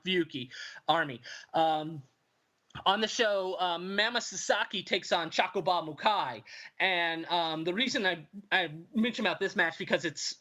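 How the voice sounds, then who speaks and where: Guy, pretty high bright voice, rambly casual host talk, lots of ums and restarts. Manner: rambling, filler-heavy, many ums and restarts. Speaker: wrestling history podcast host. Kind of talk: casual retrospective commentary.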